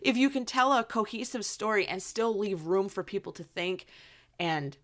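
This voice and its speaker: A woman co-hosting a fan podcast, chatty and excitable, swearing casually. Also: medium pitch, normal speed. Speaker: podcast co-host. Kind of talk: casual chat.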